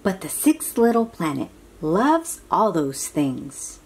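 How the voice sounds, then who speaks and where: This woman's voice is fairly low, a little mellow and husky, with a sing-song lilt that swings up and down as she reads a picture book aloud. She takes it very slowly, exclaiming and drawing in her young listeners with simple questions.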